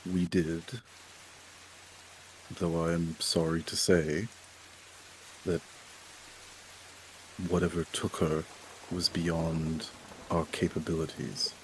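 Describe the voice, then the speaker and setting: A man doing a calm, remorseful warrior. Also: low-pitched, slow, pauses often, slight background noise, rough recording. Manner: firm but regretful.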